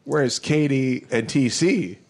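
A man's voice: mid-range voice, slow, a little mellow. A man hosting a podcast in natural, unscripted casual chat, rambling and joking as he repeats his phrases. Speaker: podcast host.

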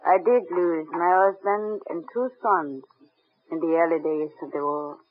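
An actress playing a kindly older French village widow with a French accent in old-time radio drama. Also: female voice, fairly low pitch, unhurried, natural voice. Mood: tender, wistful. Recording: tinny narrow vintage radio sound.

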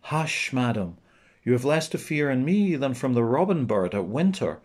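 A man reading an audiobook, voicing a courteous, curious young prince in a gentle, formal manner. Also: mid-range voice, big pitch swings, normal speed.

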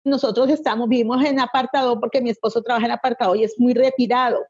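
Middle-aged woman, high husky voice, telling something painful, dull sound. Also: fairly even intonation, fast, a little mellow. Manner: anguished, emotional storytelling. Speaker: interviewee. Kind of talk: personal testimony.

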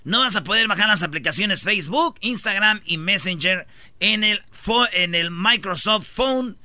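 A man hosts a comedy radio show, telling stories in a slangy, joking way. His voice is high and very bright. The studio sound is dry, with faint music underneath. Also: measured pace, no room sound. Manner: slangy, joking, animated storytelling. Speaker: radio host. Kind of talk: comedic radio news banter.

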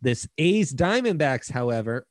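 A man's voice: mid-range voice, sing-song, unhurried, dry recording. Casual male betting co-host, dry sound. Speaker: sports betting show co-host. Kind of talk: casual sports betting commentary.

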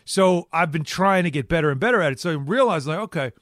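Middle-aged man, higher-pitched sports radio host. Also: lively intonation, fast, fairly bright tone, dry recording, clean studio sound. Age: 50s. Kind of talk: casual sports talk chat.

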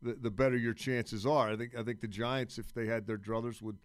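A man giving casual sports analysis as a radio commentator, haltingly repeating words as he works out his points. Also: medium pitch, little pitch movement, no room sound, studio quality.

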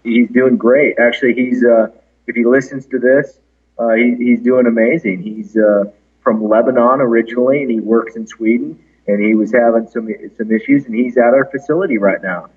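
A man's voice: medium pitch, steady tone, moderate pace, breathy edge, narrow, tinny audio. A man in casual conversational talk, his voice echoing in a large conference room as he speaks as an interviewed clinic founder. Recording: echoey big conference room, band-limited, distant.

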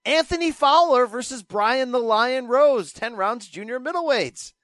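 A man hosting a casual boxing chat, briskly and wryly running through a fight schedule. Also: extremely high pitch, expressive, a bit bright, no echo. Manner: brisk, wry, rattling off listings. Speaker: boxing podcast host.

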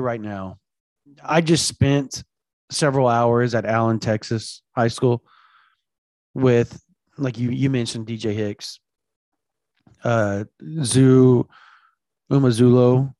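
A man telling stories from the recruiting trail, loose and animated, doubling back and repeating words for emphasis. His voice sits in an ordinary middle register. The recording is dry and close. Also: medium pitch, no echo. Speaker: college football recruiting reporter. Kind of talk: sports talk, casual chat.

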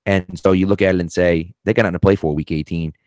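A man's voice: low voice, steady tone, fast talker, darkish tone, no echo. A man with a mild Boston accent giving casual sports analysis as a podcast guest.

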